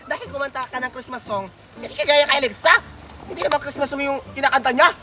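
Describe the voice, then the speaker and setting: A woman playing a bossy, scolding older woman who hands out gifts, in a shouty comedy-skit style. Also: high voice, quick pace, a little hiss or hum.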